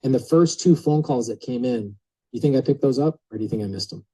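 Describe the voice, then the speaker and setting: A man speaking on a group coaching call, telling an energetic motivational story and talking straight to his listeners. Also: mid-range voice, fast talker, slightly rough, poor audio. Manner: energetic, chatty, addresses listeners directly.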